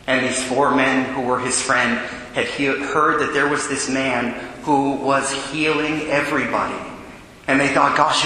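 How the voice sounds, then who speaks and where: Priest with booming cathedral echo. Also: male voice, pushed and bright. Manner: measured, solemn delivery. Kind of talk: gospel reading and homily. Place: large church. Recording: long echoey church reverb, faint hiss.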